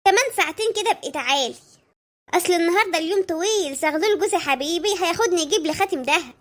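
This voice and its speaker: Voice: very high-pitched, lively intonation, rapid-fire, a bit bright. A performer voicing a spoiled, demanding Egyptian housewife who talks in a whiny, coaxing way.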